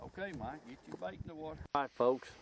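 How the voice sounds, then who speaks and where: A man's voice: fairly high pitch, fast talker, gravelly. Folksy Southern man out on a noisy lake. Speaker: fishing show host. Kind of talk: casual outdoor fishing commentary. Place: outdoors in a boat on a lake at night. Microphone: camera microphone. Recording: noisy outdoor camera recording on a lake.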